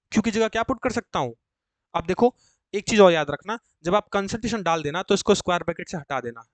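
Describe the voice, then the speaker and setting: High-voiced male chemistry teacher, coaxing. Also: dry recording. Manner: coaxing, asks questions and answers them himself. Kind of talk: exam-prep lecture.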